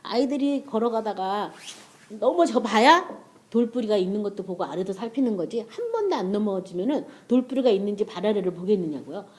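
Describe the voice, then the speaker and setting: A woman's voice: medium pitch, big pitch swings, brisk, darkish tone. A middle-aged woman preaching a sermon in a conversational way, often checking with her listeners.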